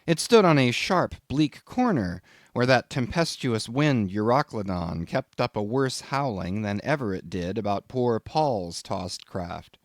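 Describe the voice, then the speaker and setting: In a mid-range voice, a man narrates a literary audiobook from a script, telling the story in an expressive, measured way. The recording is studio quality with no room sound.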